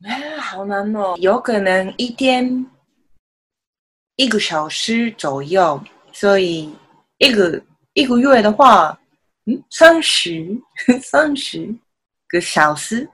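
Slow-speaking woman with a Japanese accent in Mandarin. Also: medium pitch, animated, fairly bright tone, slightly rough. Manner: halting, simple phrasing with repeated words. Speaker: podcast guest, self-taught Mandarin learner. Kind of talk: casual interview chat.

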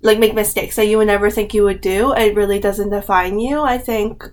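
A woman in her thirties from Canada chats as a guest, her pitch in a middle range. She is hesitant and full of fillers, searching for words as she goes. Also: fairly even intonation, brisk. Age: 30s. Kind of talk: casual chat.

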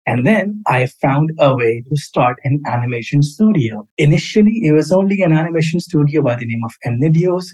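A man's voice: medium pitch, a little mellow, breathy edge, rough recording. A young adult man from Pakistan, a podcast guest answering interview questions in an earnest, expansive storytelling way.

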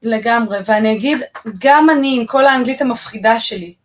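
High-voiced Israeli woman, casual and emphatic. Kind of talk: casual podcast conversation.

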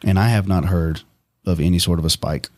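A man's voice: low-pitched, steady tone, a little fast, darkish tone. A man co-hosting a podcast, a teacher, bantering and joking in casual chat.

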